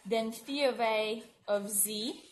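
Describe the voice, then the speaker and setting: Speaking slowly in a higher-pitched voice with slight background noise, a female mathematics lecturer teaches at a board in a university lecture room. She's casual, keeps asking "right?", and corrects herself along the way.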